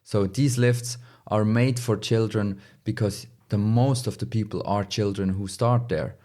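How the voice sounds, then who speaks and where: A man giving casual advice in conversation, in halting, phrasing. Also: on the low side, steady tone, a little mellow. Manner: halting, non-native English phrasing.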